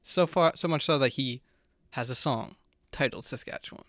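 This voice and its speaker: A man co-hosting a podcast in loose, rambling talk full of filler words. His voice sits in a middle pitch, and the recording is dry and close. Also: moderate pace, a bit bright, no room sound. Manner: casual, rambling, full of "like" and "just". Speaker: podcast co-host. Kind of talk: casual chat.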